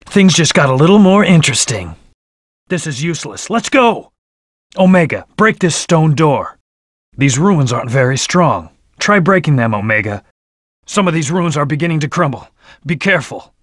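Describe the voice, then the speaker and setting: A man's voice: a little high, big pitch swings, normal speed, no echo, clean studio sound. An actor playing a brooding, aloof hedgehog antihero in a video game, terse, serious and commanding as he leads his team. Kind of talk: English video game voice acting, short battle callouts.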